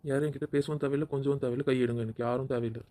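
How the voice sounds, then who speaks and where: A hurt husband in a home-made couple skit, acted by a man rattles off his complaints at a very fast pace in a dark, mellow voice. He is stubborn and sulky and keeps repeating himself, and later pleads for his wife to stay. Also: medium pitch, steady tone, natural voice. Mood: sulking. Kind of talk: scripted family skit.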